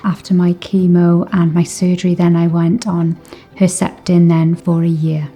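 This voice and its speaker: A woman's voice: on the low side, flat delivery, moderate pace, dark tone, slightly rough, soft background music. A woman in her forties chatting about her own experience as a patient, hesitant, with fillers. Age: 40s. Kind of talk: casual chat.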